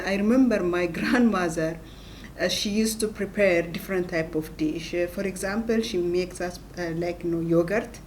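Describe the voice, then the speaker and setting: A middle-aged woman with an Ethiopian accent, a plant scientist and professor, giving an earnest talking-head interview in short halting phrases. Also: fairly low pitch, music in the background.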